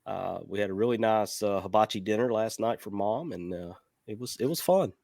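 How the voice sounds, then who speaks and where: A man's voice: lowish voice, a little fast, vocal fry, a little mellow, no echo, clean studio sound. A man co-hosting a sports show, chatting casually in a plain-spoken, folksy manner. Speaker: sports podcast co-host. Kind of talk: casual chat.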